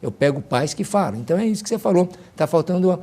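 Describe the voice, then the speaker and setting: A man hosting an interview in a mellow, mid-pitched voice. He speaks thoughtfully, pausing and restarting as he searches for words. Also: animated. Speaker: host. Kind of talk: interview conversation.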